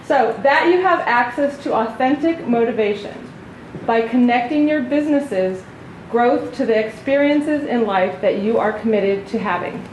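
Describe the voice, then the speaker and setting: A woman with a fairly high voice reads aloud to a group at a seminar. The room rings with echo, and there is some faint noise. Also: lively intonation, normal speed, a little mellow. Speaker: seminar participant, inspirational coach and speaker. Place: seminar room, front of audience.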